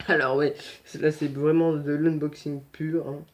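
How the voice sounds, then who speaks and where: A young man narrates an unboxing in easy, chatty commentary, often correcting himself and muttering as he cuts open packaging. His voice sits a little high but sounds soft and mellow rather than bright. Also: little pitch movement, a little slow. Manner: chatty, self-correcting, mutters while handling items. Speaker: unboxing vlogger.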